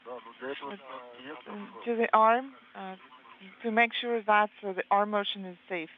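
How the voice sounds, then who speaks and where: A spacewalk interpreter relaying terse procedural callouts over a crackly space-to-ground radio transmission, halting with fillers between short commands. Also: medium pitch, fairly even intonation. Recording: tinny narrow-band radio line with faint hiss.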